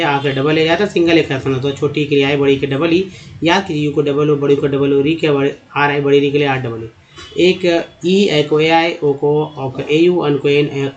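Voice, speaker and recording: A man teaching English pronunciation to viewers in Hindi, calling them friends and repeating sounds slowly to drill them. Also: on the high side, slight background noise. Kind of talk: explaining to viewers. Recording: dull lo-fi sound.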